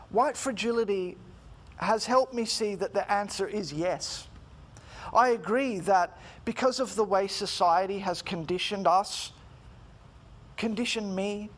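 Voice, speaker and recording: A man giving a prepared, formal talk in a measured, deliberate way, phrase by phrase. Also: high voice. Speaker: speaker giving a talk, student teacher.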